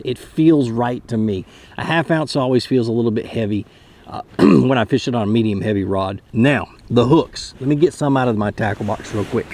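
A fishing channel host in his thirties talks a technique through to camera from a kayak on a lake, casual and explanatory, frequently restarting. The camera sits close in front; his mid-range voice is a little mellow, with slight background noise.

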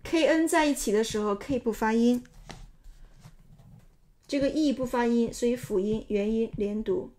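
A woman's voice: a little high, normal speed, pauses often, dark tone. Methodical woman pronunciation instructor. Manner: methodical, explains step by step. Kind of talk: explanatory lesson narration.

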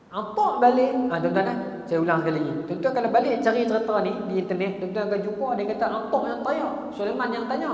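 A man's voice: extremely high pitch, darkish tone. A man with a northern Malaysian accent giving a religious lecture, telling a story and checking in with his audience through short prompts. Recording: very echoey hall with long reverb.

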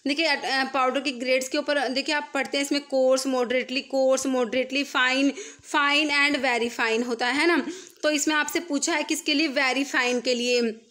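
A high-pitched woman walks through exam questions one by one. She explains each answer and repeats the key terms so they stick. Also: steady tone, normal speed, a bit bright. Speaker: pharmacy exam tutor. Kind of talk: screen-recorded MCQ lesson. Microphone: voice-over on screen recording.

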